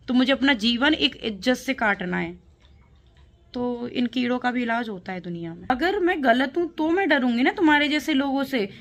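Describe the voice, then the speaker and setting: Indignant woman vlogger with a fairly high voice, lecturing critics head-on. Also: fairly bright tone. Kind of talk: direct-to-camera reply to critics.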